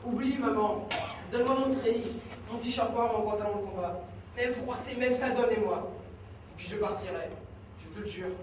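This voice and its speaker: A man's voice: sits high, normal speed, close to an everyday voice. An amateur actor playing a young man, a violent escaped son who threatens and then pleads with his mother, on a stage. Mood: pleading. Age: young adult. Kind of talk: live stage play. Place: theatre stage. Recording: echoey room from far off, faint noise.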